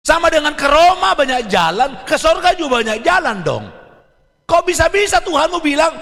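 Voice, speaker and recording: Animated preaching man in a reverberant church. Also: very high-pitched, vocal fry. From Indonesia. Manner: animated preaching, swinging from quiet to shouted; asks the congregation questions. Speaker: pastor. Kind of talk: sermon. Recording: church hall reverb on a livestream.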